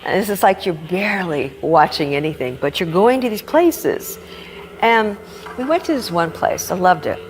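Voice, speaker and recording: A woman in a documentary interview, recalling her teacher in an animated storytelling way and acting out what he said. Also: lowish voice, moderate pace.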